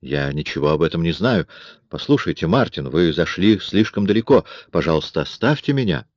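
A man voicing a furious young woman in an audiobook, with indignant, sharp outbursts. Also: low voice, lively intonation, fairly quick, no room sound, lo-fi sound. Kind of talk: audiobook character reading.

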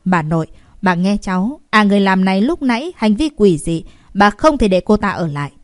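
A woman's voice: medium pitch, lively intonation, fairly quick, no room sound, natural voice. A young lady of the house, played by a woman reading aloud, firm and cold, who gives orders with weight. Her voice is a bit raised and clipped. The recording is dry and close. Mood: stern. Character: young woman, stern and commanding fiancée.

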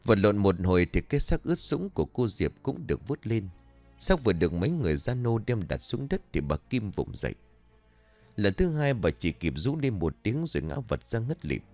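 A man narrating a dramatic story in an expressive, animated manner. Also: lowish voice, brisk, faint music behind.

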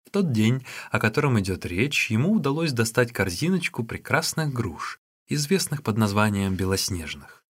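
A man narrating a classic tale as an audiobook, telling it expressively. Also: medium pitch. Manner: expressive storytelling.

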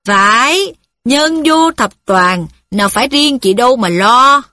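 A man's voice: extremely high pitch, expressive, takes it slowly, pushed and bright, dry recording, studio quality, full character voice. A woman voicing a kindly, plain-spoken middle-aged male worker who talks in an earnest, folksy way. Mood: needling.

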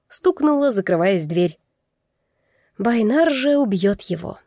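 A woman narrating a first-person audiobook in an expressive, intimate way. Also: mid-range voice, no echo, clean studio sound. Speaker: audiobook reader.

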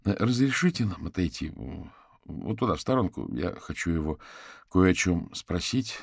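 Guy doing a smooth-talking polite detective, low gravelly voice, dry close sound. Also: lively intonation, moderate pace, no echo, full character voice. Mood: courteous. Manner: polite, persuasive. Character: calm, courteous male detective.

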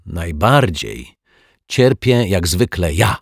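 A man's voice: lowish voice, very animated, measured pace, breathy edge, no echo, clean studio sound, voice pushed up, heavily acted. A man reading a children's story, voicing a worn-out older caretaker who sighs and grumbles gloomily. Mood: gloomy. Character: weary older male caretaker, anxious and gloomy.

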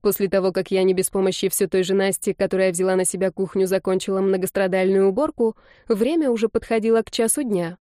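A woman reading a first-person novel aloud in a lively, ironic storytelling manner. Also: mid-range voice, fast talker, hardly any pauses, no echo, studio quality. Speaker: audiobook narrator.

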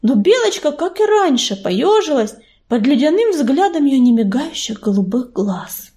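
A woman reads a children's fantasy audiobook as scripted storybook narration. Her voice is high and very animated, rising and falling widely. Her delivery is dramatic and engaging. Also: normal speed. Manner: expressive, dramatic.

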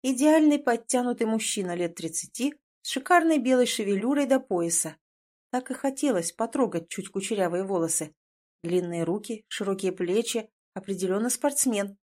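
A woman reading a first-person novel aloud in an expressive, dramatic way. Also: mid-range voice, moderate pace. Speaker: audiobook narrator.

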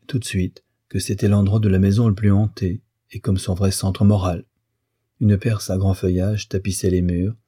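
A man narrating a classic novel in a measured, unhurried way. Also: deep voice, mellow, breathy edge, no room sound, clean studio sound. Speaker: audiobook narrator.

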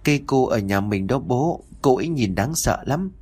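List: timid sick little boy, voiced by a man, small frightened voice, slightly raised pitch, husky, audio storybook. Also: lively intonation, normal speed, darkish tone.

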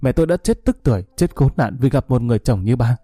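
A man's voice: medium pitch, animated, fast, warm tone, no echo, lightly acted. A man voicing a grieving young man who answers his father with cool, mocking sarcasm. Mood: bitter.

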